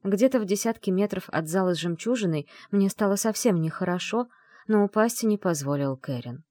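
A woman narrating a first-person audiobook in a lively, expressive way. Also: mid-range voice, brisk, no echo.

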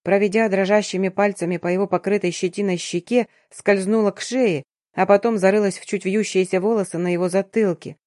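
Expressive woman reading an audiobook. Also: mid-range voice, brisk, dry recording, clean studio sound. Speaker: narrator. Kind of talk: first-person audiobook narration.

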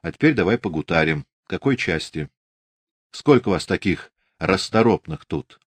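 A man's voice: mid-range voice, normal speed, pitched above the performer's own voice, lightly acted. Man playing a coldly menacing Cossack officer. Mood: cold menace. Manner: steady, clipped and threatening. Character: young Cossack officer, calm, menacing, self-assured.

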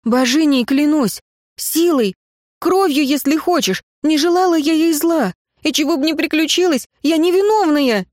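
A woman voicing a frightened young woman pleading for her life, high and breathless, in an audiobook. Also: normal speed, a little mellow, no echo, studio quality, natural voice.

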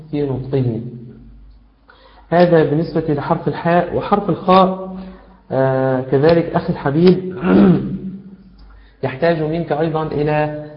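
A man teaching Quran recitation, giving patient, encouraging corrections full of drawn-out hesitations. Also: a little high. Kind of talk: instructional feedback on recitation. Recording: roomy, dull lo-fi sound.

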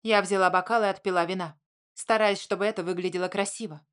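A woman reading a novel aloud in first-person narration, in an even storytelling manner. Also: mid-range voice, quick pace. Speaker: audiobook narrator.

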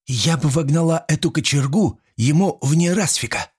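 A man's voice: fairly high pitch, moderate pace, a little mellow, breathy edge, pitched above the performer's own voice. A man reading an audiobook, voicing a scheming, vengeful young woman in a girlish, venomous voice.

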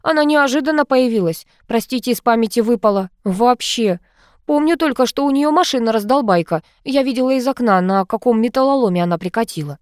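A flustered, blunt housekeeper, as a woman narrator puts her on in an audiobook. She mumbles and talks crudely, in a high, lively voice. The recording is dry. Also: a little fast, clean tone, dry recording, natural voice. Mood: mumbling. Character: flustered, rude middle-aged housekeeper.

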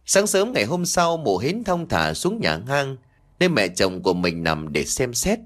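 Guy narrating a ghost story, slow and grave, pitch rising and falling a lot. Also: wildly swooping pitch, a bit bright.

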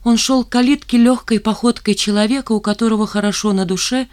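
A woman reading an audiobook aloud in first person, with expressive storytelling. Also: fairly high pitch, fast. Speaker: audiobook reader.

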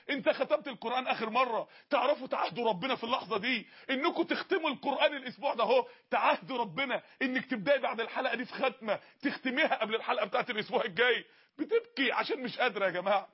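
A man's voice: very high voice, slightly rough, muffled recording. A man with an Egyptian Arabic accent preaching an impassioned sermon, pleading and urgent.

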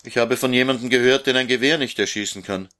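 A man voicing a kind, caring old woman in a storybook reading, speaking gently. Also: medium pitch, fast, pitched above the performer's own voice, natural voice. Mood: kindly.

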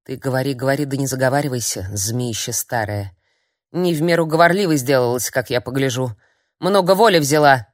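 A woman's voice: rumbling low, a little fast, dry recording, studio quality. A woman reading an audiobook, voicing a tired, stern witch who answers curtly and coldly. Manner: curt, tired, cold. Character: weary, stern female witch, middle-aged.

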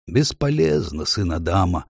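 An earnest, blunt male beaver from a storybook, as a man reads him, in a low, husky voice that swings widely in pitch. He leans hard on the important words, and the recording is dry and close. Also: very animated, a little slow, no echo, exaggerated voice. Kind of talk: audiobook character voice.

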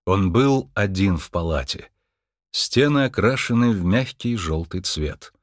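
A man reading a children's novel aloud as an audiobook narrator, with an expressive delivery. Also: low voice, unhurried, no echo, studio quality.

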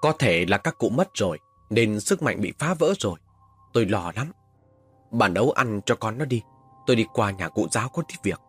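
A man voicing a gruff, anxious village father who speaks curtly and in grave, hushed tones, in a spoken horror story. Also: lowish voice, lively intonation, moderate pace, soft background music.

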